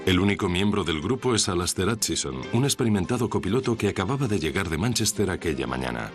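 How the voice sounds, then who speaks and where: Deep-voiced male documentary narrator. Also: animated, quick pace. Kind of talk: scripted dramatic narration. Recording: prominent music behind narration.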